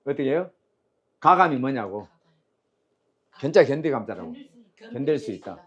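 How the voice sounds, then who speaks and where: A man's voice: medium pitch, very animated, moderate pace, a bit bright, husky, highs cut off. A man teaching Chinese characters and tones, quizzing his students and drilling sounds aloud in a call-and-response lecture.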